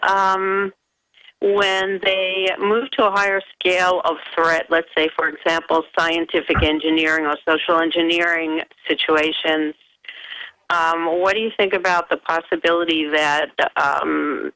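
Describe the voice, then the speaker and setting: A woman caller puts a careful, hesitant question on talk radio. Her voice is flat in intonation, bright and very clear, with a dry sound. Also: fairly low pitch, a little slow, rough recording. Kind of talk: hesitant, formal call-in question.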